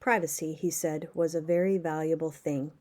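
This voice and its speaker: Lady reading a book out loud and stopping to explain stuff, lowish mellow voice. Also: steady tone. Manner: pauses to explain words in plain terms. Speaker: audiobook reader. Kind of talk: novel read aloud with explanatory asides.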